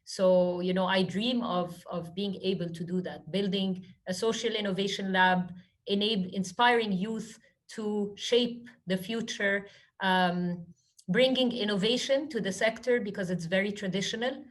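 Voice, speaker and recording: A woman from Egypt, a social entrepreneur, appears as a webinar guest and answers questions earnestly and smoothly, often dropping in "you know." Her medium-pitched voice has fairly even intonation and a measured pace.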